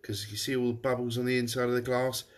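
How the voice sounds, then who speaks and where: In a room above his pub, a landlord tastes beer on a live stream, chatting and rambling with frequent restarts. His medium-pitched voice is monotone and fast, and his nose sounds blocked up.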